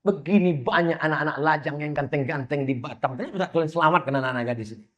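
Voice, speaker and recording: High-pitched preacher guy, emphatic, fires off questions at the crowd. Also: quick pace. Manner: emphatic, animated, rhetorical. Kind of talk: sermon.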